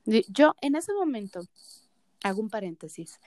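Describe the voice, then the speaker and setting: Her voice leans high and sing-song, a little mellow, at a moderate pace: she's a woman in her thirties co-hosting a podcast, telling her story conversationally and animating the dialogue she quotes. Studio-quality recording, no room sound.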